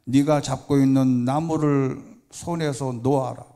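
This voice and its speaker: The voice of God, calm and measured, questions and commands without hurry, as a preacher puts it on. The tone stays mellow and dark, plain rather than grand. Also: male voice, mid-range voice, natural voice. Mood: calm stern. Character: calm, testing male voice of God from above.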